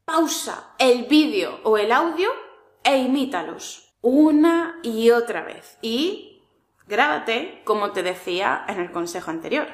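A woman with a Spain Spanish accent teaches a language lesson, speaking slowly and with care. Her voice sits a little high, and she coaches in a clear, deliberate way. The room around her echoes.

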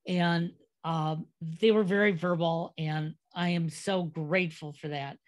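Low-voiced middle-aged woman hosting a podcast. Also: steady tone, measured pace. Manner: reminiscing, telling family anecdotes. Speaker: podcast host. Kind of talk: podcast interview.

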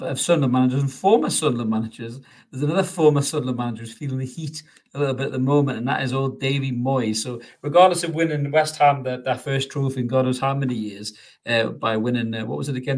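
A man hosts a loose football chat, swearing freely and laughing along as he talks. His voice sits at an ordinary middle pitch for a man. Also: quick pace. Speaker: podcast host.

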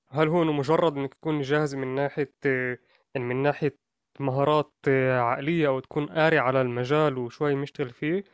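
A man's voice: on the high side, clean tone, no echo, clean studio sound. A man with a Levantine Arabic accent hosting a casual podcast interview. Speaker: podcast host.

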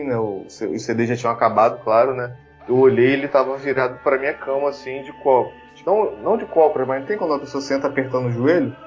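A man's voice: mid-range voice, dull audio. A man with a Brazilian Portuguese accent telling a story in casual chat, full of fillers and restarts. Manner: chatty, lots of fillers and restarts.

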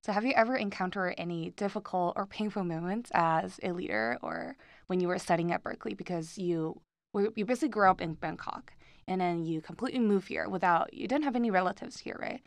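A woman's voice: fairly low pitch, expressive, fairly quick, no echo, clean studio sound. A young adult woman hosting a podcast, friendly and gushing, with frequent murmured agreement. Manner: friendly, gushing, backchannels often. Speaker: podcast host. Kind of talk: casual interview.

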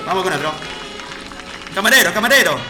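A man doing a high-voiced mock-Sicilian joker. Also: lively intonation, fairly quick, a crowd in the background. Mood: joking. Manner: mock-Italian, self-explaining jokes. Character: adult male Sicilian comic with corny puns. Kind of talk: comedy sketch. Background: music.

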